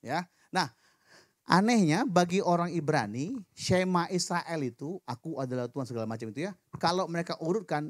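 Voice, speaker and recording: A man preaching a sermon in a church, lively and joking with the congregation. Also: a little high, no echo, studio quality. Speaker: pastor. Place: church hall.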